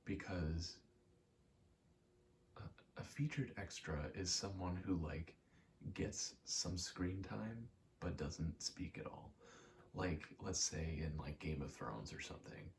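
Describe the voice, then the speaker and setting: A young ASMR creator rambles casually and meanderingly while gaming, often interrupting himself in an understated way. His voice sits low and he takes it slowly, with slight background noise.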